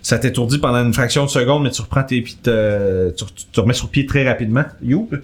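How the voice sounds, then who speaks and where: A man's voice: mid-range voice, steady tone, fast. A man with a Québécois accent running a tabletop game, narrating with frequent laughs and restarts. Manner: chatty, laughs often, stumbles and restarts while narrating. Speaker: game master.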